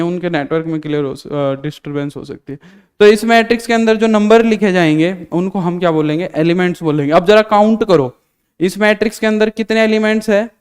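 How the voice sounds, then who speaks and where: A man's voice: high voice, smooth, big-room sound. A male maths teacher giving a live online lesson, drilling students with repeated questions and answers. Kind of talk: live online class lecture.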